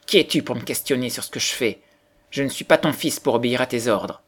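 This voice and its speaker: A man voicing a proud, cruel young boy who talks with harsh scorn, a little higher and louder than his own reading. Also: brisk, lightly acted. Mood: defiant. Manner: harsh, contemptuous, raised voice.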